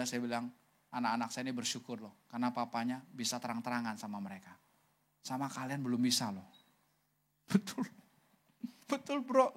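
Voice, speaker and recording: Husky, animated male pastor preaching. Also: medium pitch. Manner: animated, joking, with casual slang asides to the congregation. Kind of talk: sermon. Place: church sanctuary.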